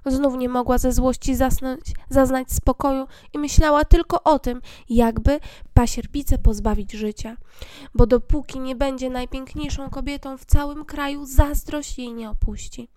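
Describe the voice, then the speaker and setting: A woman reading a fairy tale aloud in a gentle, even storybook manner, with a few small slips. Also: high voice, moderate pace, no echo, studio quality.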